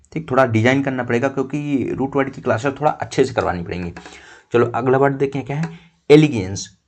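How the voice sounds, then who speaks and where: A man teaching an exam-prep vocabulary lesson, explaining each word step by step and checking in with the class as he goes. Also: mid-range voice.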